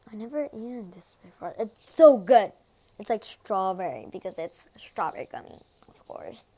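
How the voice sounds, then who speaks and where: A woman chatting casually through an eating vlog with ASMR, giggling and dropping into whispers between loud reactions. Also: medium pitch, animated, normal speed. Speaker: vlogger. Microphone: phone.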